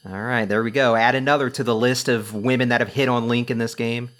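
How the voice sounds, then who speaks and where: A man's voice: mid-range voice, fairly even intonation, brisk, fairly bright tone. A man hosting a let's play, giving casual gameplay commentary with chatty, joking asides.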